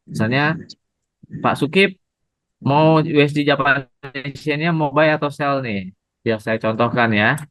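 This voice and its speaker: Seorang pria membawakan pelajaran trading daring secara langsung, sabar menjelaskan dan menyapa pendengar dengan "Bapak Ibu". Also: male voice, medium pitch, a little slow, long pauses, a bit bright, no echo, low-quality recording. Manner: patient, addresses audience as Bapak Ibu. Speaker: trading instructor. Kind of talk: live online trading lesson.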